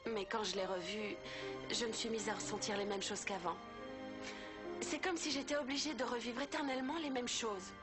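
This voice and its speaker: Lively young bride-to-be played by a woman, slightly raised pitch, dubbed soap drama with music under her. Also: moderate pace, natural voice. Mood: confiding, troubled. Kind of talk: French-dubbed telenovela acting. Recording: background music under dialogue.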